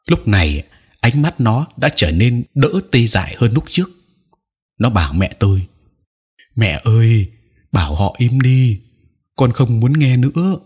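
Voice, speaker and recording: A man narrating a horror story as an audiobook reader, telling it in the first person with steady, measured delivery. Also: lowish voice, breathy edge.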